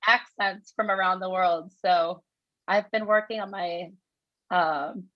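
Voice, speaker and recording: A woman guest in a casual podcast chat, chatty, filling with "like" and quick to laugh. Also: on the low side, steady tone, no room sound, muffled recording. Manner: chatty, lots of fillers, laughs easily. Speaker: guest, dance studio owner.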